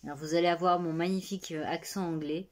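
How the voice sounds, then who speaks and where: Young woman, low voice, casual rambling book-vlog chat, filming herself up close. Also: fairly even intonation, quick pace, a little mellow. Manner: rambling, many fillers and restarts, laughs often. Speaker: booktuber.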